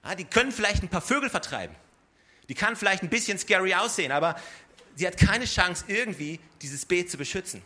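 A pastor gives a sermon in a relaxed, conversational tone, often turning to listeners with direct rhetorical questions. His voice sits a little high, sounding bright and forward, and he speaks fairly quickly.

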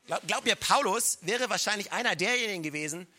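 Bright-voiced man preaching a sermon. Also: expressive, a little fast. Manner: addresses listeners directly with emphatic repetition; drops to a low soft voice to stress key words. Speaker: pastor. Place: church service. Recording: live church recording.

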